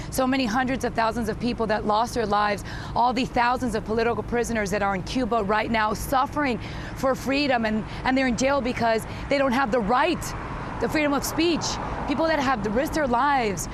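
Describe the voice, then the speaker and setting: A woman from South Florida giving an earnest, emphatic live news report from the street. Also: fairly high pitch. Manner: earnest, emphatic, some restarts. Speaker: field reporter. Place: outdoors on a city street. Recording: street noise behind.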